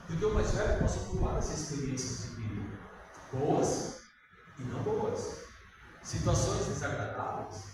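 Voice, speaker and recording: An older man with a Brazilian Portuguese accent delivers a sermon in a conversational way, often turning questions to his listeners. His voice sits a little high. The sound is heard from far off, with a long echo of a church hall and clear background noise. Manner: conversational, asks the congregation questions. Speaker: preacher. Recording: echoey hall, far from the mic.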